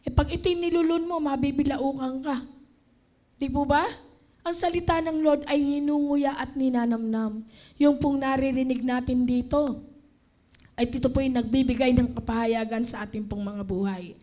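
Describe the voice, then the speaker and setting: High-voiced Filipino woman preaching. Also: steady tone, moderate pace, mellow. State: tired, strained voice. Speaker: lay preacher. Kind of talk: sermon. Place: church.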